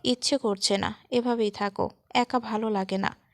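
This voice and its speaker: A woman voicing a teasing young man, cocky, soft and calm, gravelly voice, dry close sound, storybook. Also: mid-range voice, moderate pace, no room sound, lightly acted.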